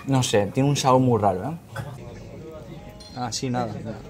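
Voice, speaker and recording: A man's voice: mid-range voice, moderate pace. A young man with an accent from Spain, chatting casually as a guest in a food vlog, candid and easily disgusted, on a lapel mic in a small restaurant. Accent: Spanish from Spain. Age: young adult. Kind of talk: casual chat. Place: small crowded restaurant, indoors.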